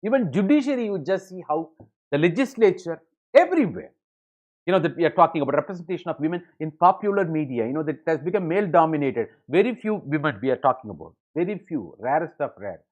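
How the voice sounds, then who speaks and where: A man delivering an exam-coaching lecture at a brisk, rushing clip, his voice sitting a little high. He keeps stringing ideas together with "you know" and calls his students ladies and gentlemen. The recording is dull and lo-fi. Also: animated. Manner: rapid, filler-heavy, addresses students as ladies and gentlemen. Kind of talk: online lecture.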